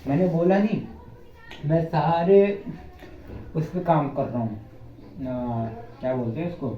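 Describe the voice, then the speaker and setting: Speaking at a measured pace in a fairly high voice, a young Indian man chats with viewers while cleaning his village home, joking, rambling and calling them "brothers," slightly breathless. It's a casual vlog filmed on a phone camera without an external mic. The audio is dull and lo-fi in an echoey room, with some background noise.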